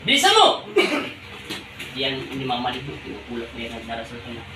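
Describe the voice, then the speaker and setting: A man's voice: medium pitch, little pitch movement, racing, background noise. A man working as a folk healer who scolds and interrogates during a healing ritual, barking repeated commands. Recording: echoey room from far off.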